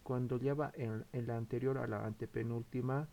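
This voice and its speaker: A man presents a school topic in a gravelly, mellow voice. He reads through his points haltingly, with filler sounds and frequent restarts. His delivery sounds like a student's prepared presentation. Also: mid-range voice, steady tone. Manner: hesitant, frequent fillers and self-corrections. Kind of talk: read-aloud school presentation.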